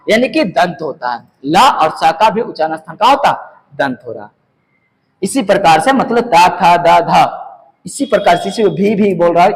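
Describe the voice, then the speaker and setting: A male teacher explains a grammar lesson in a very high, lively voice that climbs and drops as he quizzes his pupils. He asks questions and answers them himself, repeating key points and sounding out letters slowly one by one. His voice carries a long reverb, as if recorded in a large room. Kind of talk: classroom-style lesson to students.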